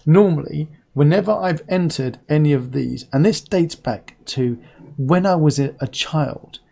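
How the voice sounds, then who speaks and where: Guy in his 40s, r's come out as w's, relaxed mellow tone, rambly streamer host chatting away. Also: fairly high pitch, unhurried, gravelly. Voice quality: can't say r's, pronouncing them as w's. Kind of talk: casual live-stream chat.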